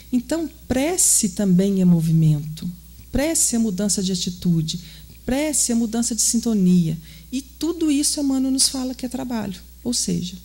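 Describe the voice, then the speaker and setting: Brazilian woman from minas gerais giving a spiritist talk, mellow voice, earnest, keeps asking the room questions. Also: medium pitch. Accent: Brazilian Portuguese, Minas Gerais. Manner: earnest and conversational, asks the audience questions. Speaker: spiritist lecturer. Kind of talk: spiritist lecture. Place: spiritist center hall.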